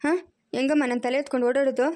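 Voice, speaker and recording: A woman voicing an upset, reproachful grown son in a lowered voice, with a rural Chikkaballapur Kannada accent. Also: little pitch movement, quick pace, darkish tone, lightly acted.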